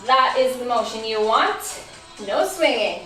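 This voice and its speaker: A woman's voice: on the high side, animated, a little slow, pushed and bright, distant mic. A woman instructor cueing a barre workout, counting reps and encouraging, her voice a bit worn. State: losing her voice. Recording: roomy, from off mic, faint music.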